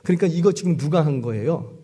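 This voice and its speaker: A middle-aged male pastor preaching a sermon, asking the congregation questions and swinging from loud emphatic lines to hushed near-whispers. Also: fairly high pitch, fast talker, slightly rough. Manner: animated call-and-response preaching, asks the congregation questions.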